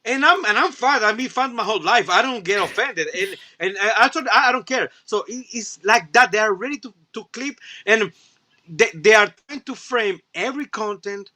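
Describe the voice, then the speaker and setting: A man whose first language is Spanish, chatting casually as a guest, animated and full of restarts. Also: high voice. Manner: halting, many restarts, animated. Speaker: guest toy reviewer. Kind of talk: casual chat.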